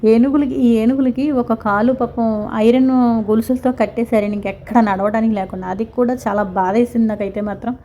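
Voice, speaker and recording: A woman's voice: on the high side, steady tone, brisk, dark tone, a little hiss or hum. A middle-aged woman from India narrating a casual vlog of a zoo visit, talking in a sympathetic, rambling way with many restarts. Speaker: vlogger. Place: outdoor zoo park.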